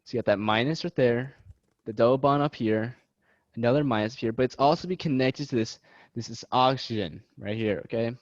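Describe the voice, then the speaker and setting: A young man tutors his classmates in a loose, joking way, poking fun at his own gaps in knowledge. His voice sits at an ordinary pitch. It comes through a dry, dull, lo-fi video call line. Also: brisk, no room sound. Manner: loose, joking, self-deprecating. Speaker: student tutor. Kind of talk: casual study-session teaching.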